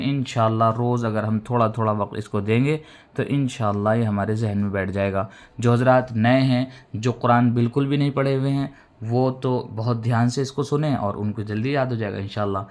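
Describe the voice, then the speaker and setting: A man teaching Quran reading in a recorded lesson. He drills syllables slowly, drawing out the vowels, and explains each rule patiently. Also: mid-range voice, a little mellow.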